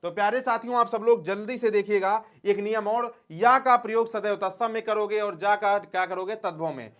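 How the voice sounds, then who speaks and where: A man's voice: high voice, fairly even intonation, normal speed, fairly bright tone. A man teaching grammar for exams in a folksy manner, asking questions and answering them himself and calling his students dear friends. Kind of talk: exam-prep lesson.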